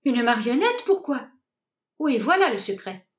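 A woman's voice: a little high, big pitch swings, unhurried. A woman voicing a small, fiery young woman jilted in love, theatrical and full of indignant questions, in a read-aloud stage comedy. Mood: outraged.

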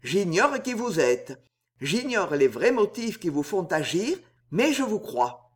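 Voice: mid-range voice, sing-song, takes it slowly. A reader voicing a proud, gallant young male knight in a swashbuckling audiobook, answering with cool hauteur. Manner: proud and mocking in reply.

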